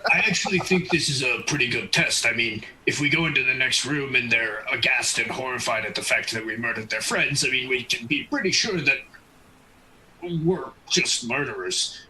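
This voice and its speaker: A man playing in a tabletop game, calmly reasoning through the group's situation. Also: medium pitch, slight background noise, rough recording. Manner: measured, reasoning aloud. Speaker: player.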